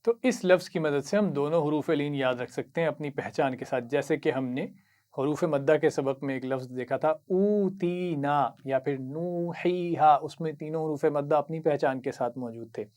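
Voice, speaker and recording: A man with an Urdu accent teaching Quran reading, patiently explaining each word, reciting it slowly and praising the learner. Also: a little high, a little mellow. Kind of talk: slow instructional lesson.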